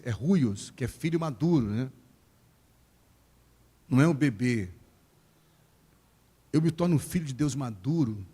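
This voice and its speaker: A man with a Brazilian Portuguese accent from Rio de Janeiro preaching a sermon at a church service, animated and acting out quoted voices, joking with the congregation. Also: medium pitch, breathy edge. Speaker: pastor.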